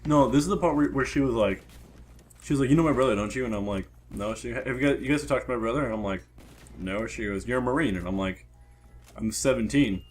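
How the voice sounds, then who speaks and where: A young man in his late teens telling a story in casual chat, swearing freely and dropping to a flat low voice when he quotes himself. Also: fast talker. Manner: profane, rambling, quotes people in a flat low voice.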